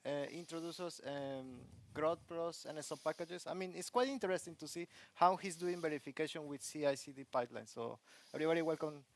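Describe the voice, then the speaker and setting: This is a man moderating a conference session and welcoming the next speaker. His voice is fairly high for a man and he hesitates with fillers. He sounds a little distant, picked up from across the room. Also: a little fast, hardly any pauses. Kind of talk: introducing a speaker.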